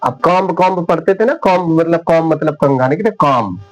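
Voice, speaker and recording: A man teaching English spelling rules at a whiteboard, repeating each example word slowly and often checking whether his viewers understand. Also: fairly high pitch, expressive, soft background music, low-quality recording. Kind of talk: whiteboard classroom lesson.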